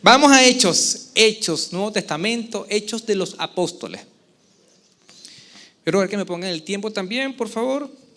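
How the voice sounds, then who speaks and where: A man preaching a sermon as pastor to a church congregation, with expressive delivery and frequent questions to the listeners. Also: sits high, normal speed, pauses often. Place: church service before a congregation.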